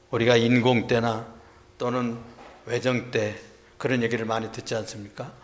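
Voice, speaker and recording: A middle-aged male pastor preaching a Sunday sermon, retelling a story and acting out the shouts of its people. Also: medium pitch.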